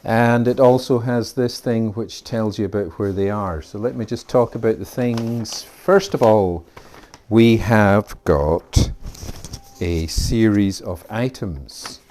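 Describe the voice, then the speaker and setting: Introducing a beginners art class, this Scottish teacher rambles in a friendly way, with fillers and asides in his Scottish accent. His voice is on the low side and a little mellow, and he takes it slowly.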